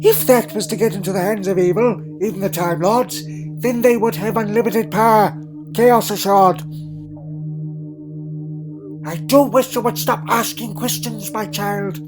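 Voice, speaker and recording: A man's voice: high-pitched, unhurried. A man playing a crotchety, secretive old alien grandfather in a fan audio drama, with hesitant muttering, hums and pompous phrasing. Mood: musing, explaining. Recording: music laid under the voice.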